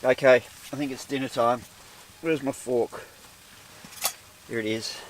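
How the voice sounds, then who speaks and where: Inside a small tent warmed by a wood stove, a man delivers casual solo vlog commentary to the camera, drifting into self-deprecating asides. His mid-range voice stays fairly even in intonation and a little slow, with a bit of hiss or hum in the recording.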